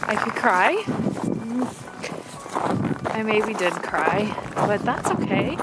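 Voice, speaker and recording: A woman in her thirties vlogging outdoors in a snowy valley, talking excitedly to a handheld camera. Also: mid-range voice, slow pace, heavy background noise. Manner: excited and gushing. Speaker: travel vlogger. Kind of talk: travel vlog. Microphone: handheld camera at arm's length.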